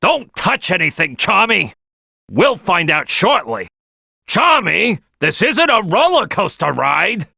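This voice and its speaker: A man voicing a brash, bossy cartoon crocodile detective for a video game, gruff and raspy, barking orders at his crew. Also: high voice, big pitch swings, slow pace, no room sound, studio quality, heavily acted. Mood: excited, commanding. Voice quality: gravelly, raspy, forceful. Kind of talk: animated video game voice acting.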